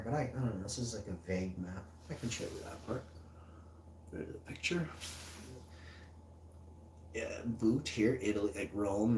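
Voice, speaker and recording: A man hosting a casual livestream, reading text aloud haltingly and rambling between lines. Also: on the low side, a little mellow, distant mic. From Icelandic and German parentage. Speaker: livestream host. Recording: echoey room, mic set back, faint hiss.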